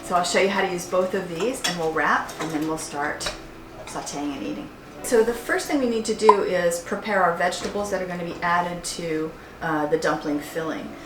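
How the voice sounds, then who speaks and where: A middle-aged American woman from the United States, partly Hawaii, speaks in a lowish voice at normal speed with few pauses, casually explaining things as a home cook giving a cooking demo. She's indoors in a roomy kitchen, and the echoey recording carries background noise and music behind her.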